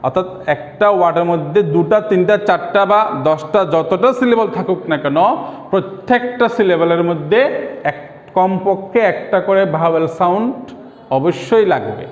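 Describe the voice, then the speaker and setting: Man teaching, stretching words slowly. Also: high voice. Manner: explains patiently, drawing out example words slowly syllable by syllable. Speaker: English teacher. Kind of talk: online primary school lesson. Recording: echoey room, dull lo-fi sound.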